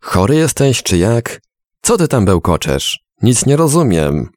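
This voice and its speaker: A man voicing a frightened, brash adult male car thief who blusters in rough slang. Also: low voice, sing-song, measured pace, darkish tone, no room sound, studio quality, exaggerated voice. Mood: indignant.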